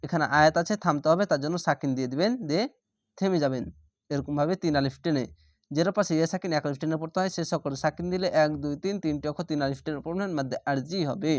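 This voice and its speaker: Man for a recitation lesson, patient spelling of each syllable, then the drawn-out word, in a dry, close sound. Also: on the high side, no echo. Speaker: Quran reading teacher.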